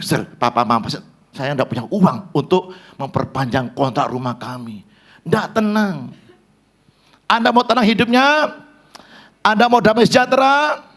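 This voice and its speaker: A man preaching a sermon as pastor, acting out biblical dialogue and swinging between loud calls and hushed asides. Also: medium pitch. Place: church.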